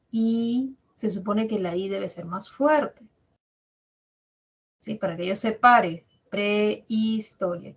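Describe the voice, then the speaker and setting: Woman, Peruvian Spanish accent, language teacher, patient classroom lecture, stretches words into syllables, muffled lo-fi recording. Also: medium pitch. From Peru. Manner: explains patiently, drawing out example words syllable by syllable.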